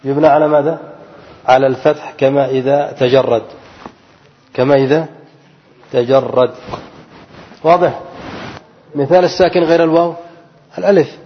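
A fairly high-voiced man teaches grammar to a class, firing questions at the room and answering them himself. His voice carries a long reverb from a large hall. The recording sounds dull and lo-fi. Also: steady tone. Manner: asks the class questions and repeats the key answer; stretches out example words slowly. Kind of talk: classroom grammar lesson with call-and-response questions.

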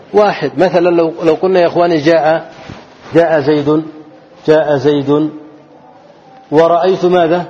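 A man's voice: a little high, a little mellow. Man teaching grammar, lo-fi recording. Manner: asks the students questions and answers them himself, repeats key words. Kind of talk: classroom grammar lesson with call-and-response questions. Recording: dull lo-fi recording.

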